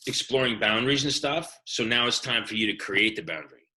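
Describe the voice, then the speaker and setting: Man, middle-aged, very bright voice, podcast co-host, casual fatherly advice. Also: mid-range voice, a little fast, low-quality recording. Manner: fatherly, giving firm parenting advice. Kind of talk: casual chat.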